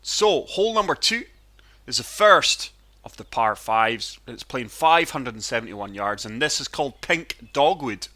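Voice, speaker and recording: A man's voice: medium pitch, animated, measured pace, sharp tone. A man sounding chesty and wheezy from a cold, giving casual commentary on a golf video game as the channel's host. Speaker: gaming channel host and player.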